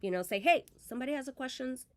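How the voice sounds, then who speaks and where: A woman's voice: high-pitched, lively intonation, fast talker. A woman, hosting a casual live crafting stream in a friendly, chatty way with fillers and restarts. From Venezuela.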